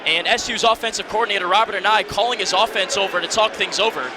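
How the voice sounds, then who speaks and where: A high-sitting male voice moves at a quick pace here. The speaker, in his early twenties, is doing live radio play-by-play of college football in short, vivid present-tense lines, with a stadium crowd and loud noise behind him.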